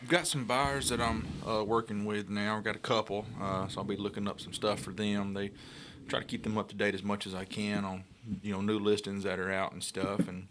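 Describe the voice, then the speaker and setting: A man's voice: on the low side, little pitch movement, a little fast, few pauses, fairly bright tone, slight background noise. A man co-hosting radio in casual, plain-spoken, folksy conversation. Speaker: radio co-host, real estate agent. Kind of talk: casual on-air chat. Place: radio studio.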